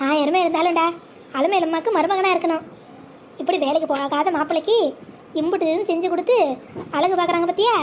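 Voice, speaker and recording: A woman voicing a man's flattering drinking buddy in a comedy skit. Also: very high-pitched, fast talker, pauses often, a little hiss or hum, voice pushed down.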